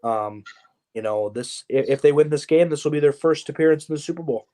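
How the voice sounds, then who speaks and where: A man co-hosting a sports podcast, speaking casually and haltingly, filling gaps with "you know" and restarts. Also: fairly high pitch, mellow. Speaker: podcast co-host.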